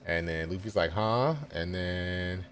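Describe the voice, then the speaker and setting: A man's voice: sits low, takes it slowly, fairly bright tone, a little hiss or hum. A man reading a manga chapter aloud live and reacting with casual asides and chuckles.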